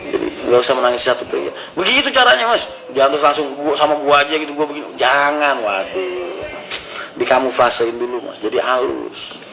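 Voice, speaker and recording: A man's voice: medium pitch, lively intonation, fairly quick, vocal fry, a crowd in the background, rough recording. A young man chatting casually and teasing his companions. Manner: joking, banters in a Jakarta-slang and Javanese mix. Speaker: vlogger. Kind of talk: casual chat.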